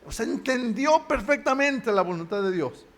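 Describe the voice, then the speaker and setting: High-voiced Mexican pastor preaching. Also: male voice, lively intonation, normal speed, vocal fry. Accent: Mexican Spanish. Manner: asks the congregation questions and answers them himself. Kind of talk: sermon. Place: church.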